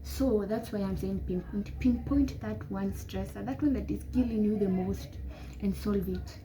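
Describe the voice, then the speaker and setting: A woman's voice: mid-range voice, normal speed. A woman, giving rambling, emphatic advice to camera as a vlogger. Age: 20s. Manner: rambling, emphatic, pep-talk tone. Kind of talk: casual advice talk to camera. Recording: noisy background.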